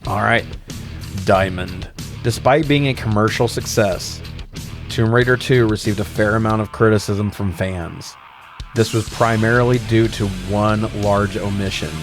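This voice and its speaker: This man co-hosts a podcast, loosely recapping a film and joking around with disbelieving, foul-mouthed humor. He speaks unhurriedly in a fairly low voice while faint music plays in the background.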